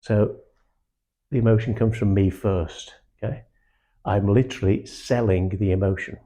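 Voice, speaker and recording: An older man with a hard-to-place English accent and a husky, mellow voice, running a sales training session for a small room. He talks bluntly and animatedly, swears casually and acts out little quotes. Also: on the low side, steady tone, moderate pace. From Manchester, England. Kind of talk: live training talk to a small group.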